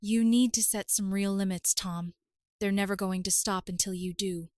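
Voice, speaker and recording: A woman's voice: mid-range voice, fairly even intonation, moderate pace, a little mellow, no room sound, natural voice. A woman voicing a firm, protective uncle who talks bluntly, in a dry recording.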